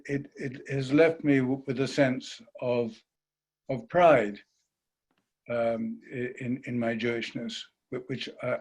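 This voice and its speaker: A man, a biographer, speaking at a panel event, hesitant and gently wry, often repeating words as he starts a thought. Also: mid-range voice. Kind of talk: panel talk, conversational.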